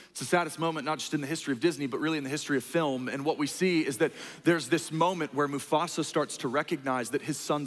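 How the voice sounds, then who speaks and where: A man preaching a sermon, telling a story with animated swings from hushed lows to excited highs. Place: church hall. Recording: long reverb of a large hall.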